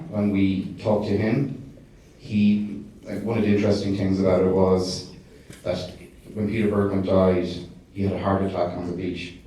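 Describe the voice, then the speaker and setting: An Irish documentary maker whose dark voice sits low responds to audience questions at a festival screening, halting and restarting with plenty of fillers. The recording is distant and echoey, with faint background noise in the hall.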